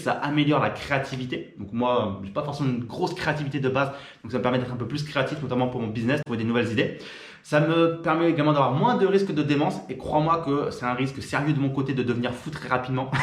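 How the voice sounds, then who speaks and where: A man's voice: mid-range voice, reverberant. A French man chatting informally to camera, with frequent fillers and restarts. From France. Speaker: YouTuber. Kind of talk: casual direct-to-camera talk.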